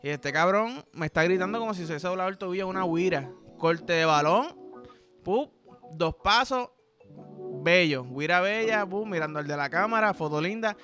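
A Puerto Rican man with a high voice tells raunchy comic stories on his podcast. He piles on slang and acts out little scenes with sudden yelps. A faint bed of music sits behind him. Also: lively intonation, moderate pace, bright, forceful tone. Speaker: podcast host. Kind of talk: crude comic storytelling.

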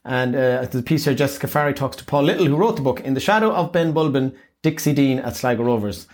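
A man's voice: medium pitch, fast, a little mellow. A middle-aged man with a west of Ireland accent hosting a local radio show, rambling casually through the papers in a chatty, encouraging way. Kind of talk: casual paper review chat.

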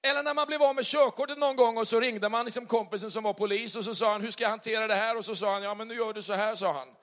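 A man's voice: high-pitched, steady tone, fairly bright tone. A man preaching a conversational sermon, chatty and full of acted-out little dialogues. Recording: long hall reverb.

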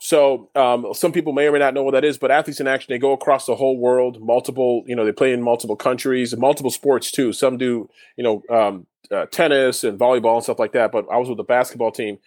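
Dude talking fast in an interview, lots of restarts, dry sound. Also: male voice, mid-range voice, steady tone, darkish tone, no room sound. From Canada. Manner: rapid, rambling storyteller with frequent restarts. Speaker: guest, former overseas basketball player. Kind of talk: casual interview storytelling.

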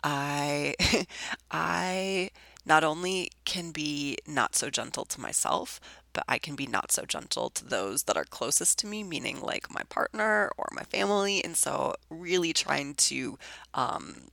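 A woman hosting a solo podcast while sick, her hoarse voice heavily gravelly with vocal fry. Her tone stays bright and forceful. She talks in a loose, rambling way full of ums and likes, recorded close and dry. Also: deep voice, expressive, unhurried, no echo. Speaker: podcast host. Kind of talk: casual solo podcast chat.

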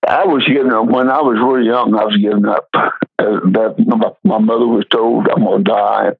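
An older man spins folksy, rambling anecdotes in a husky voice, stopping often on fillers. He comes through a thin phone line with a dry, close sound. His pitch sits in the middle. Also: steady tone, normal speed, dry recording, soft background music. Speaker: retired pastor and memoir author. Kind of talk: storytelling in an interview.

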